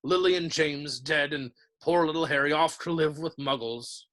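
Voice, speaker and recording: A man reading aloud, voicing a huge soft-hearted male giant with plain, rough, earnest speech. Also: a little high, normal speed, close to an everyday voice. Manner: plain country speech, tearful.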